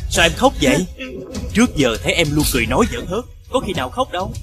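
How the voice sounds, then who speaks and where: A lively, worried young prince from a cartoon fairy tale. His slightly high voice swings widely as he asks anxious questions. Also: fast talker, music in the background.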